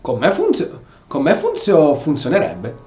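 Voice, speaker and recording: A gameplay streamer whose first language is Italian gives casual, animated, exclamatory role-play commentary on a video game. His voice sits on the high side at normal speed, with a crowd audible in the background. The recording is roomy with a slightly dull mic, and game audio plays behind him.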